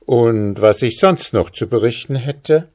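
A man's voice: mid-range voice, measured pace, darkish tone, lightly acted. A man doing a cocky young hussar. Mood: bold, defiant. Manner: confident, raised, defiant. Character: bold cheeky young male hussar soldier.

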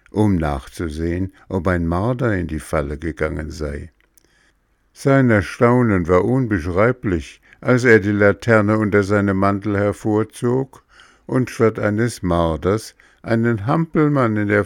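Deep, slow storybook narrator man. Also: vocal fry, dry recording, studio quality. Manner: measured, old-fashioned storytelling. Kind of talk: storybook reading aloud.

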